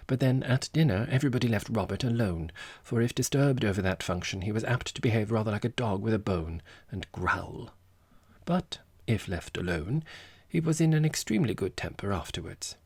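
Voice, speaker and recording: A man reads a comic novel aloud in a measured, wry narrating voice. His pitch sits on the low side with a slightly husky texture. The recording is dry and close, with no room sound. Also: lively intonation, darkish tone, no echo. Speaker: audiobook narrator.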